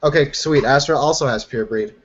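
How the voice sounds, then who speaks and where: A man's voice: mid-range voice, fairly quick, a bit bright, slight background noise. Casual man at a tabletop game. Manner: casual, swears loosely. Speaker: tabletop player. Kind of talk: casual role-play chat. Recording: dull lo-fi sound.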